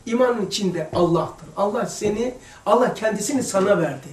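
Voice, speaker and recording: A man giving an informal religious lesson to a small group, chatty and addressing listeners by name, moving between hushed asides and emphatic passages. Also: high-pitched, moderate pace, a little hiss or hum. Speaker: religious teacher. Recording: echoey room, distant mic.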